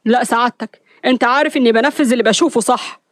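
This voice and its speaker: A woman voicing a firm, principled male police officer who answers his superior calmly but defiantly. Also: fairly high pitch, very fast, no echo, clean studio sound, close to an everyday voice. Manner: calm, firm, respectful yet defiant.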